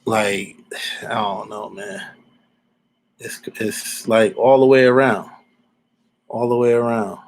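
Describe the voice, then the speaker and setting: A man's voice: on the low side, flat delivery, takes it slowly, pauses often, poor audio. A man in his forties from Alabama giving casual, rambling opinions as a podcast host, repeating himself and using informal slang. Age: 40s.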